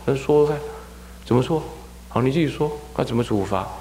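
A man from Taiwan, a Buddhist abbot, gives an animated dharma lecture and acts out scolding parents and crying children. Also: mid-range voice, fairly quick. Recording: echoey hall with long reverb.

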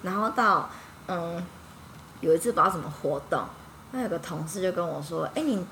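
A woman from Yilan with a Taiwanese Mandarin accent, a podcast guest telling stories in an animated, chatty way full of fillers and restarts. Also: on the low side, a little fast, a little hiss or hum, poor audio. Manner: animated, chatty, frequent fillers and self-corrections. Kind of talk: casual storytelling chat.

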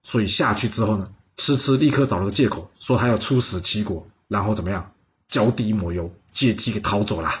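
A man's voice: on the low side, a little fast. A man telling a historical story in a chatty way, with asides to the listener.

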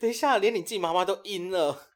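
A man's voice: high-pitched, fast talker, a bit bright. A young man, co-hosting a casual podcast and reacting with teasing, wry remarks. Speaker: podcast co-host. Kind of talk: casual chat.

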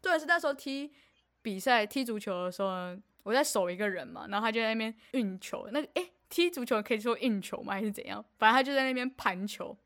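A young woman, co-hosting a podcast and telling a story in casual chat, animated and laughing often. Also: fairly high pitch, fast talker. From Taiwan. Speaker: podcast co-host.

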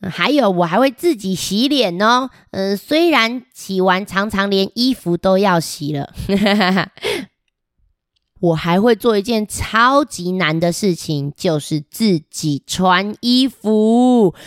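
A boastful, giggly little boy heading off to kindergarten, voiced by a woman reading a picture book aloud. He chats playfully and directly with the children listening. The voice sits at a middle pitch, and the sound is close and dry. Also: animated, slow pace, no room sound. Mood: cheerful, boastful. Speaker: storybook reader.

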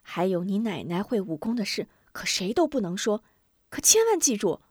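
A woman voicing a tender, grieving mother who speaks softly and gently. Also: mid-range voice, very animated, normal speed, slightly rough, no echo, studio quality.

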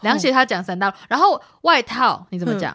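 A woman's voice: on the high side, big pitch swings, fast talker, sharp tone, no echo, clean studio sound. A Taiwanese woman in her thirties, a podcast co-host, telling stories and teasing her co-host in casual chat. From Taiwan, raised in Taipei. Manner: teasing, storytelling. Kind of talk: casual chat mixing Hokkien and Mandarin.

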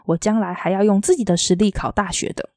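A timid, earnest teenage village boy, read by a woman. The voice is mellow and warm and the sound is dry and close, with a soft, lilting delivery. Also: medium pitch, steady tone, fast talker, dry recording, lightly acted. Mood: earnest, anxious.

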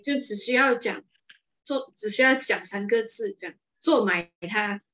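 A woman's voice: a little high, moderate pace, heavy background noise. A Malaysian woman co-hosting a podcast, chatting casually and giggling between remarks. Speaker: podcast co-host. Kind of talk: casual chat.

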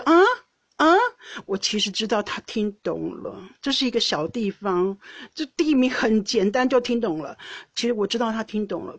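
A woman's voice: medium pitch, dry recording. Chatty Taiwanese-accented woman telling a story. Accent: Taiwanese Mandarin. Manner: chatty, frequent self-restarts and small laughs. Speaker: podcast host. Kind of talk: casual storytelling monologue.

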